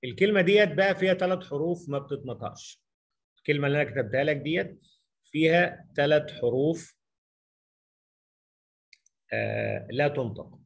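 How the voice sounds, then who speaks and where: A man's voice: a little high, lively intonation, fairly quick, gravelly, long pauses. A middle-aged man with an Egyptian Arabic accent teaching English in a recorded lesson, asking rhetorical questions and spelling out examples as he writes them.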